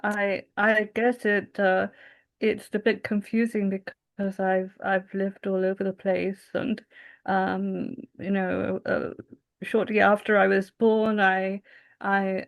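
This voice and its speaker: A woman from England speaks as an interview guest, reflective and careful. She talks slowly, pausing to find her words, with a gravelly fry in her voice. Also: mid-range voice. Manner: reflective and thoughtful, searching for words. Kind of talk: conversational interview.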